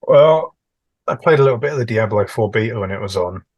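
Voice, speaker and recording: Husky low British man, wry chat. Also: animated, fairly quick, lo-fi sound. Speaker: podcast co-host. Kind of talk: casual chat.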